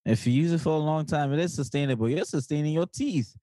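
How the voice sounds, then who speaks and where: A young man from New York co-hosting a podcast in animated, jokey casual chat with lots of slang. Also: a little high, fast talker, dry recording. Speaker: podcast co-host.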